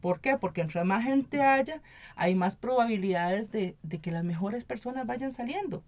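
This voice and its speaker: In a conversational interview, an activist guest from Costa Rica explains her views, often tacking on a brief tag question to check in. She has a Costa Rican Spanish accent and a medium-pitched, animated voice at normal speed, with a darkish tone.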